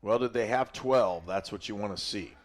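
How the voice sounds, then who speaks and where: A man's voice: on the low side, normal speed. A man doing play-by-play commentary for a college football game, chatting and explaining the rules at length. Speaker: play-by-play announcer.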